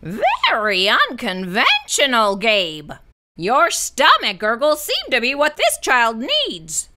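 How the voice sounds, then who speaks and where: A woman voicing a strict long-necked male monster teacher, speaking in a lower, measured and instructive way. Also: wildly swooping pitch, pushed and bright, exaggerated voice. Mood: stern, instructive.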